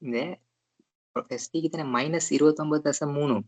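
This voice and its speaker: A woman student asking questions quietly and tentatively. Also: deep voice, steady tone, moderate pace, breathy edge.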